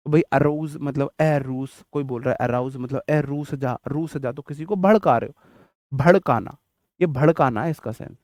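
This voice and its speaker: Chatty, higher-voiced male teacher. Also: darkish tone, no room sound, clean studio sound. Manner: chatty, jokey, tells childhood anecdotes. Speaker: vocabulary teacher. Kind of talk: casual Hindi exam-prep lesson with memory tricks.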